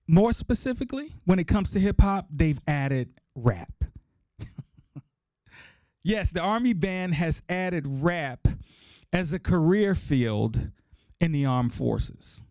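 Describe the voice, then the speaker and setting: A man's voice: on the high side, expressive, slow pace, darkish tone, no echo, studio quality. A middle-aged man hosting a podcast, talking casually and emphatically to listeners, repeating key points for effect. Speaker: podcast host.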